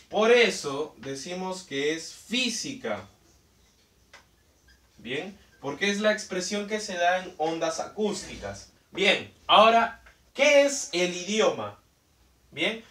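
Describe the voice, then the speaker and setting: A man from Peru explains a lesson slowly, pausing to check in with his students and drawing out key words. His voice sits slightly high. He sounds set back from the mic in an echoey room. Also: a bit bright, recorded from a distance. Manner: checks in with "¿bien?" and "¿listo?" often. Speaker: teacher. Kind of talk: language lesson.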